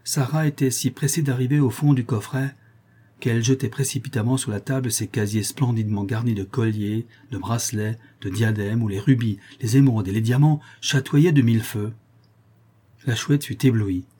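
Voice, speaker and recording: A male audiobook narrator reading a classic novel in a measured, dramatic way. His voice is mellow and dark with a husky edge. The pitch sits in an ordinary middle range. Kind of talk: scripted narration.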